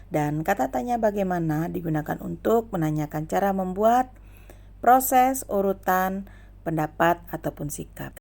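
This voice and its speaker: A woman's voice: fairly low pitch, gravelly, darkish tone. A young adult woman teaching a grammar lesson, listing examples one by one.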